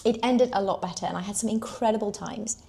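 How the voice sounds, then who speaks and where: A woman's voice: medium pitch, quick pace, gravelly. Young woman from the uk chatting through her story, lots of "like", mid voice. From United Kingdom. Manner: chatty, lots of "like", animated retelling. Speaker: equestrian telling her story. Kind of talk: personal storytelling.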